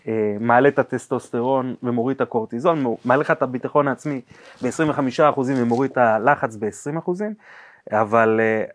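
A man appearing as a guest on a podcast, explaining body language with lively acted-out examples and sound effects. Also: mid-range voice. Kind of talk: podcast interview chat.

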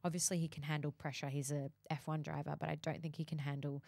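A woman's voice: low-pitched, flat delivery, fast talker, vocal fry, a little mellow, no echo. A woman co-hosting a casual podcast chat, talking freely, laughing often and trailing off mid-sentence. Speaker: podcast co-host.

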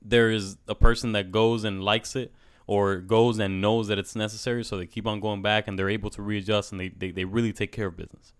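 A man's voice: on the low side, level tone, a little fast, hardly any pauses, smooth, dry recording, clean studio sound. A man talking casually and emphatically at length, peppering his speech with bro. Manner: emphatic, talkative, says "bro" often. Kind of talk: casual conversational talk.

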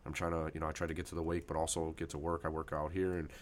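Fast-talking deep-voiced male host. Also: monotone. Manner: rapid, rambling anecdotes with acted-out quotes. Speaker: podcast host. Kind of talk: casual storytelling chat.

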